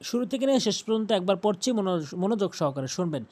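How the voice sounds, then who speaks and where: A man teaching the correct pronunciation of a prayer, spelling out each sound letter by letter, then chanting the words slowly and drawn out. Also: high voice, animated, a little mellow. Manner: firm, instructive, repeats each word several times. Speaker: Quran recitation teacher. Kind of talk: step-by-step pronunciation lesson.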